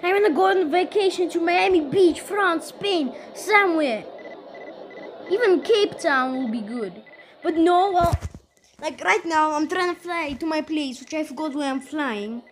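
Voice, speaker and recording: A woman's voice: very high-pitched, a little slow, background noise. A woman giving casual, rambling gameplay commentary, exasperated and talking straight to her viewers. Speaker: gaming channel host.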